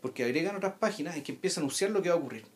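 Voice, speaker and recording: Chilean man, rapid and emphatic, casual film talk. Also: a little high, expressive. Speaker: film commentator.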